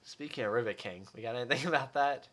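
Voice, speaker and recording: A young man with a bright, sharp-edged voice co-hosts a casual podcast. He stays laid-back and teases his friend with dry humor. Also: mid-range voice, quick pace. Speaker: podcast co-host. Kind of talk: casual chat.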